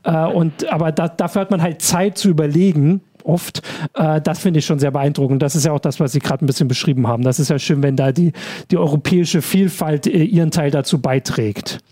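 Mellow-voiced man hosting a livestream. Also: fairly high pitch, brisk. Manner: rambling questions with fillers. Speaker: livestream host. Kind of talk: live interview hosting.

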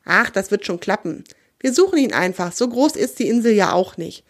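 A woman's voice: medium pitch, lively intonation, moderate pace, lightly acted. A woman voicing a small, brave, cheerful male creature in a children's storybook. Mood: eager.

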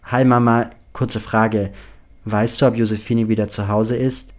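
A man's voice: lowish voice, level tone, unhurried, natural voice. A man reading aloud and voicing an anxious, earnest teenage boy. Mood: flustered.

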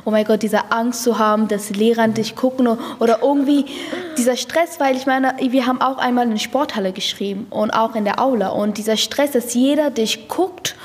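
A young woman telling memories in a lively, emphatic way during an interview. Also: a little high, brisk, long reverb tail, slight background noise. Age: young adult. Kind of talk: casual interview answers.

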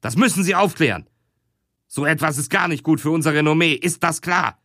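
A man's voice: a little high, a little fast, fairly bright tone, dry recording, clean studio sound, pitched above the performer's own voice. A man reading an audiobook, voicing an irate, impatient male police chief. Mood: angry. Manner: barking, impatient.

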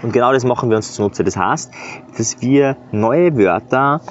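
A man's voice: medium pitch, moderate pace, slight background noise. A man giving earnest, casual coaching advice in a motivational monologue, often adding "ja". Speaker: self-improvement coach. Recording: slightly dull recording.

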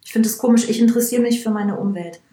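A woman's voice: fairly high pitch, fast, mellow. A woman in her thirties from Bavaria, talking bluntly and laughing often as a guest in a casual podcast chat. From Bavaria, Germany. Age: 30s. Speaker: guest, hairdresser. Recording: roomy echo.

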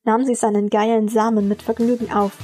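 Eine Erzählerin mit eher hoher Stimme liest eine erotische Geschichte gleichmäßig und gemessen vor. Die Aufnahme ist trocken und nah, ohne Raumhall. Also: female voice, a little high, little pitch movement, brisk, warm tone, breathy edge, no echo, faint music behind. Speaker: storyteller. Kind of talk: scripted erotic story narration.

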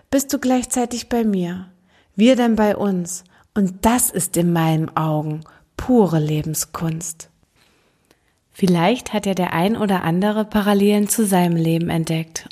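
A woman's voice: mid-range voice, a little mellow. Earnest woman reciting a personal text. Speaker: podcast host. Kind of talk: reading a rhymed personal text.

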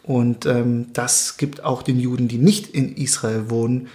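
A young man from Germany, speaking as an interview guest in a thoughtful, measured way with occasional hesitations. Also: mid-range voice, fairly even intonation, warm tone. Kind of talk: earnest interview conversation.

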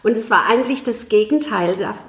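A woman appears as a guest in a conversational interview, talking in a measured, thoughtful way and hesitating often. Her pitch is fairly high, and the recording sounds roomy.

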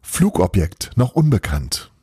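A man's voice: lowish voice, very animated, unhurried, warm tone, husky, no room sound, studio quality, exaggerated voice. A man reading a storybook aloud, voicing a stubborn, laid-back Christmas elf who talks in clipped bits. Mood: nonchalant. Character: cheeky, stubborn male Christmas elf driver.

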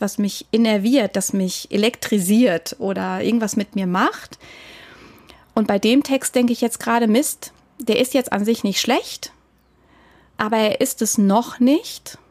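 A woman's voice: fairly high pitch, darkish tone, dry recording. A woman songwriter answering interview questions, explaining her craft thoughtfully and at length with examples. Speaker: songwriter and singer.

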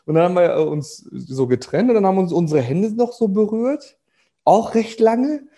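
A man's voice: high-pitched, expressive, moderate pace, warm tone. A man guest on a podcast, telling a personal story casually with many fillers and quoted dialogue.

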